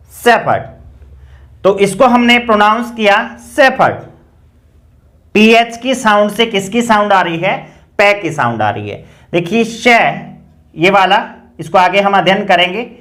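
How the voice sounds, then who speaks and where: A teacher giving an exam-prep lesson on English phonetics, explaining step by step and sounding out each letter slowly. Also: mid-range voice, a bit bright.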